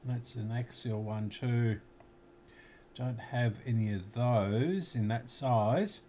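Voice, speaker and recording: A slow, unhurried Australian man, mid-pitched, muttering his way through an electronics repair at home. He talks half to himself as he works. A faint background hiss sits under his voice. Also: warm tone. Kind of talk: casual workshop commentary.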